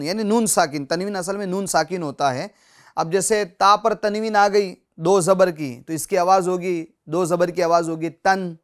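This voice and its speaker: A smooth, high-pitched male voice leads a spoken lesson on reading the Quran. Each example is repeated slowly and with patience, viewers are addressed directly and asked to read along, and "theek hai" recurs between points.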